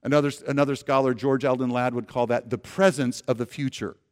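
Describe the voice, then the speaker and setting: A man preaching a sermon, earnestly leading his congregation and often restarting his phrases, swinging from loud emphasis to soft low endings. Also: fairly even intonation, fairly quick. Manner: earnest preaching, asks congregation to repeat lines aloud; frequent restarts and repeated words. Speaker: pastor.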